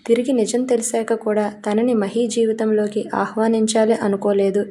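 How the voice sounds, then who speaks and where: Woman narrating in an even voice. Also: fairly high pitch, moderate pace, slight background noise. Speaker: storyteller. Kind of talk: scripted story narration.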